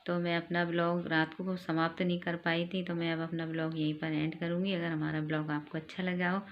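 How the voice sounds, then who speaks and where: A woman's voice: on the low side, flat delivery, fairly quick. A middle-aged woman chatting casually in a home vlog, telling the day's events. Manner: chatty, homely storytelling. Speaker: vlogger. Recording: dull lo-fi sound, faint noise.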